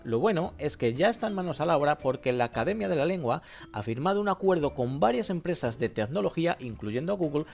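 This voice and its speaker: A man hosting a language lesson podcast, explaining in a lively, teacherly way. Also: on the high side. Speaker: host.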